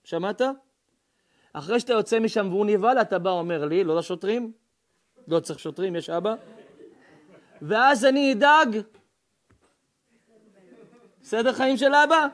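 High-voiced rabbi preaching loudly. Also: male voice, long pauses. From Israel. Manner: animated, shouting warnings, acting out dialogues. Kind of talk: sermon to an audience.

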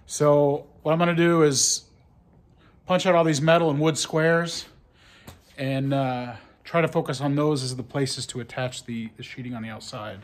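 A man's voice: on the high side, steady tone, moderate pace. A man in his forties telling a story in a casual vlog, rambling and chatty with lots of fillers, filming himself with a phone at arm's length inside a big empty old factory. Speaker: vlogger renovating an old building. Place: large empty old factory floor, indoors. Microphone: phone held at arm's length.

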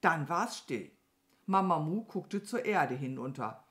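A woman reading a children's story aloud for kindergarten children, slow and expressive. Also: deep voice.

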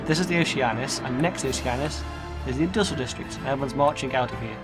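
A man's voice: medium pitch, quick pace. A man giving casual gameplay commentary, muttering to himself and reading in-game text aloud. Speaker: gaming video host. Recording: game music behind.

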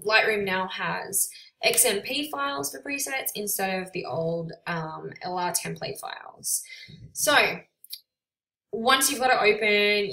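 Casual female tutorial host, mid-pitched, sounding tinny and hollow on a built-in laptop mic in an echoey room. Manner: relaxed, chatty, frequent ums. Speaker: photographer selling presets. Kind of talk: casual screen-recorded software tutorial. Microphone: built-in computer microphone. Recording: tinny, echoey sound without a proper microphone.

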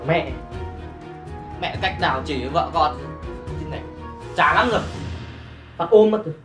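A man's voice: fairly high pitch, animated, normal speed, close to an everyday voice. An actor playing an impatient young husband who complains irritably about his wife and crying baby. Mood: irritated. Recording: roomy, with music underneath.

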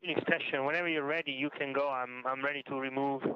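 A man's voice: mid-range voice, fairly even intonation, fast, smooth, no room sound. A man aboard the space station, reading back procedures over a radio downlink in clipped, procedural phrases that sometimes stumble. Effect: space-to-ground radio downlink. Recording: muffled radio channel.

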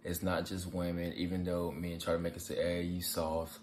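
A man's voice: low voice, completely flat delivery, moderate pace, a little mellow, slight background noise. A man in his thirties giving casual, encouraging talk to camera. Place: living room couch, indoors.

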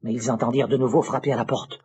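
A man narrating a children's storybook record in an animated, expressive way, with music behind. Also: medium pitch, rapid-fire, muffled recording.

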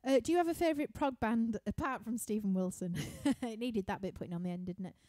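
Her warm voice sits fairly high and she talks fast; she's a young musician from Yorkshire, England, reading viewer questions aloud during a live stream Q&A at home in her living room. Expect rambling, laughter and plenty of fillers, captured studio-quality with no room sound.

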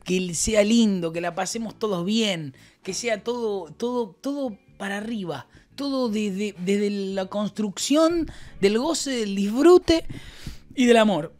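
A man's voice: high voice, slow pace, darkish tone. A man with an Argentine accent chatting casually on a stream, reading out messages and rambling with crude, joking banter. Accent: Argentine Spanish.

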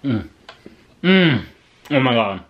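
Food vlogger, woman, very low register, talking while chewing, gushing exclamations. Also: big pitch swings, takes it slowly, muffled recording, faint music behind. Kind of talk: casual on-camera tasting.

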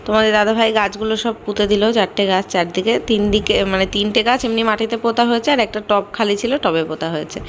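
A young Bengali woman from India, chatting casually to her viewers in a home vlog, her voice a little hoarse from a sore throat. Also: medium pitch, fairly even intonation, fast, hardly any pauses, slight background noise. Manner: chatty, addresses viewers directly with fillers. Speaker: vlogger. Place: at home, in and out of doors.

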